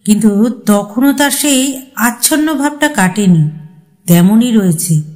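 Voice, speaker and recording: Reading a horror story aloud as a storyteller, a woman builds suspense with an expressive, dramatic delivery. Her pitch is fairly high and her pace unhurried.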